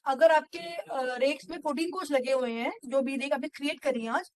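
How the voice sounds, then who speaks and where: A woman running a software training session, explaining step by step with frequent fillers. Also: sits high, fairly quick. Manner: mixes Hindi and English, explanatory, frequent fillers. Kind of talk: screen-share training walkthrough.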